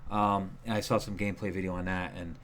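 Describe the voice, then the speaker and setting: A man's voice: low-pitched, flat delivery, fast, noisy background. A man co-hosting a gaming podcast, chatting casually and rambling with lots of fillers and restarts. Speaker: podcast co-host. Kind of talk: casual chat.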